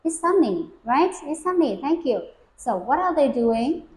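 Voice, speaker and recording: High-voiced woman examiner, echoey room. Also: sing-song, measured pace, a little hiss or hum. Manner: patient, prompting, models full sentences for repetition. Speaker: English speaking-test examiner. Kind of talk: questioning a young learner in a speaking test.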